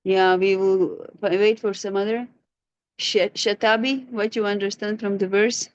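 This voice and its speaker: A woman's voice: medium pitch, fairly even intonation, unhurried, no room sound. Patient woman teaching online class, dry. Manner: patient, questioning, prompts students. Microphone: video call. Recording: dull lo-fi video call audio.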